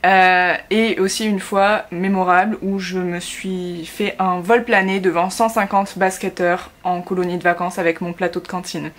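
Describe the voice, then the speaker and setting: A woman's voice: lowish voice, little pitch movement, normal speed, hardly any pauses. A woman in her twenties from France, talking casually to camera for her vlog, chatty, with many fillers and restarts. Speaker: YouTuber. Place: at home in Korea.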